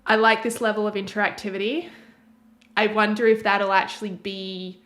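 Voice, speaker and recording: A young woman chatting casually as she reacts to a game trailer, rambling and thinking out loud. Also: mid-range voice, flat delivery, moderate pace. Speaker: reaction video host.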